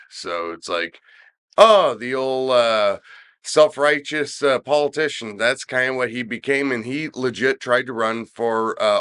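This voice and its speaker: Talking wrestling on his podcast, a middle-aged man chats loosely and colloquially, rambling and offering plenty of opinions. His fairly low, slightly bright voice has a touch of nasal congestion.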